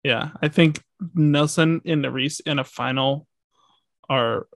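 A man's voice: a little high, fairly even intonation, slow, dry recording. A young man co-hosting a casual podcast chat, hedging and restarting his thoughts with lots of "like". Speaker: podcast co-host.

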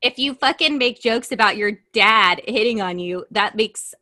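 Woman podcast co-host, bright tone, blunt and profane, casual banter. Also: a little high, normal speed, no room sound, clean studio sound. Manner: blunt and profane, laughs often. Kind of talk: casual chat, reading out a list.

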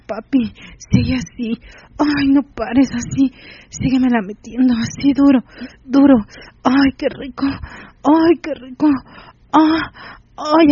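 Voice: high-pitched, darkish tone, dry recording, voice pushed up. A reader doing a woman moaning urgently. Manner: urgent pleading moans. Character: woman in the throes of passion. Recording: dull dry lo-fi recording.

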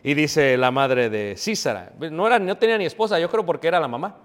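A man preaching a sermon, joking with his congregation by name and reading scripture slowly and loudly. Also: fairly high pitch. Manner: jokes with the congregation, calling on members by name. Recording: echoey hall.

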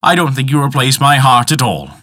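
A man voicing a worried wealthy gentleman who speaks in a raised, strained, urgent way. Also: medium pitch, big pitch swings, fairly quick, no echo, clean studio sound, voice pushed up. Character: anxious wealthy man, pleading.

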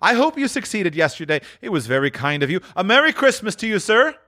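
A joyful old reformed miser, as played by a male storyteller, pitched high and swinging widely. He is hearty and effusive, exclaiming eagerly as in a dramatised storybook. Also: sing-song, fast talker, bright, forceful tone, full character voice. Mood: warm, earnest. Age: older.

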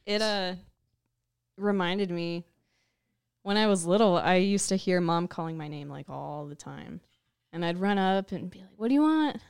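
A woman's voice: on the low side, fairly even intonation, gravelly, clear, resonant tone, no room sound, clean studio sound. A woman co-hosting a podcast, chatting casually and reacting to her co-host. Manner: chatty and reactive, quick to agree. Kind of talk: casual chat.

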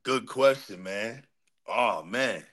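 A man's voice: on the low side, slow pace, a bit bright. Hyped man echoing in a workshop. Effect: room echo from a shop space. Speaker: guest. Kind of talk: casual livestream interview. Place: echoey workshop.

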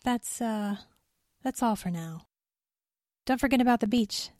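A woman voicing a young male vlogger who talks softly and hesitantly, apologizing to his viewers. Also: a little slow, no echo, clean studio sound, close to an everyday voice. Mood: sheepish. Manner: soft, lowered, hesitant.

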